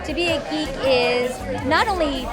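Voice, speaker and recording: A woman's voice: high voice, moderate pace. A woman talking earnestly in a casual red carpet interview. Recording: music and crowd behind.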